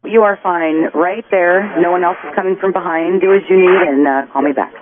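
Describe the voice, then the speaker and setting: Guy doing atc radio calls, kinda high voice, tinny channel w static. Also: steady tone, brisk. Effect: aviation radio transmission with static. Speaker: air traffic controller. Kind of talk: radio instructions to pilots. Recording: noisy narrow-band air traffic radio.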